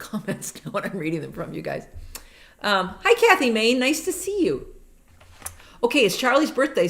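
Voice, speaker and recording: A woman's voice: lowish voice, a bit bright. A woman hosting a casual online music show, chatting with viewers, reading their comments aloud and telling rambling stories between songs.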